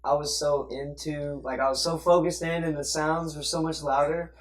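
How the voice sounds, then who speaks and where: A teenage guy chatting casually with friends, telling stories animatedly and acting out quotes loudly. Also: a little high, flat delivery, normal speed. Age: teens. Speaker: podcast co-host. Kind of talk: casual chat among friends.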